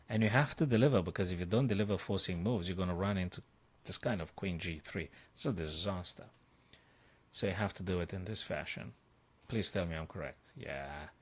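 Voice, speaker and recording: With a low-sitting voice at normal speed and long pauses, this chess coach solves puzzles on a live stream. He thinks aloud, repeats himself, and lets out excited exclamations.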